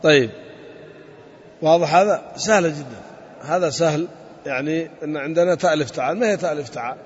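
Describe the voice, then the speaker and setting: A man's voice: fairly high pitch, quick pace, breathy edge. A man teaching Arabic grammar in a classroom lesson, explaining step by step and quizzing his students with short questions. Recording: echoey hall, dull lo-fi sound.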